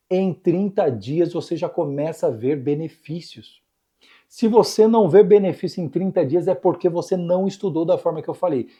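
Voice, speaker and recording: Husky, dark-toned man teaching keyboard. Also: fairly high pitch. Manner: insistent, repetitive coaching. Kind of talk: online music lesson.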